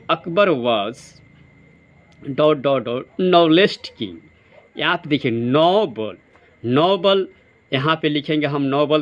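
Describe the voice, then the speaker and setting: Man teaching grammar, self-questioning. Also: medium pitch. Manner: asks questions and answers them himself, repeats answers; reads English sentences slowly, word by word. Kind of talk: grammar lesson explaining quiz answers. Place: classroom or study centre. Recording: dull lo-fi sound.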